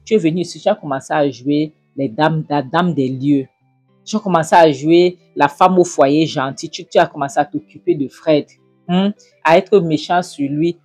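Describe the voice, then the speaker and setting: A woman's voice: low voice, animated, normal speed, slightly rough, dry recording, faint music behind. A woman voicing a scornful middle-aged mother who hectors and taunts her daughter. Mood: scolding. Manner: taunting, hectoring, rising to loud jabs.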